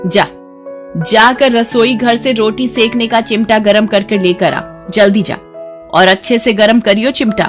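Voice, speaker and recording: A woman's voice: fairly high pitch, steady tone, measured pace, soft background music, lightly acted. A woman voicing a harsh scolding mother-in-law. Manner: scolding, commanding. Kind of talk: animated storybook voice acting.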